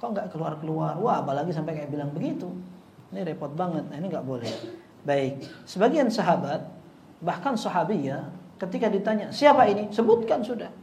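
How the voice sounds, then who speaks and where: A man teaching an Islamic study lecture in a relaxed way, with light humor and lively acted-out quotes. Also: on the high side, a little fast, a little hiss or hum. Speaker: religious teacher. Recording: roomy echo, faint ambience.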